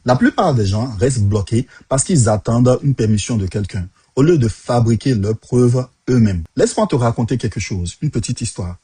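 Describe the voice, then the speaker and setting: A man's voice: medium pitch, expressive, normal speed, hardly any pauses, warm tone, slightly rough, no room sound. A man in his thirties with an African French accent, giving punchy, direct career advice to the viewer. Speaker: tech career coach. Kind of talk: direct-to-camera advice talk.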